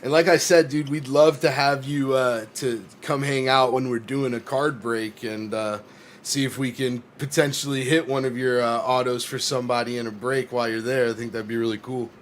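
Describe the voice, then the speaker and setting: A man hosts a laid-back livestream, friendly and loose. He fills his sentences with small pauses and "uh"s. A faint noise sits under his voice. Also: medium pitch. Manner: relaxed, friendly, filler-heavy. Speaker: stream host. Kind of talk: casual livestream chat.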